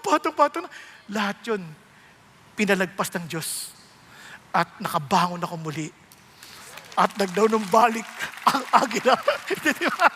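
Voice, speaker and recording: A Filipino-accented male pastor delivers a sermon with a high, bright voice. He tells stories in a lively, humorous way. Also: slight background noise. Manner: animated, humorous storytelling.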